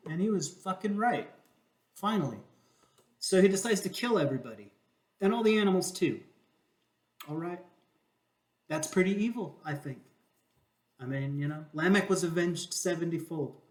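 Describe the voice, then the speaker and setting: A man's voice: a little high, roomy sound. A man hosting his own video channel, talking casually and irreverently about a scripture passage, swearing and rambling. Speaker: YouTube video host.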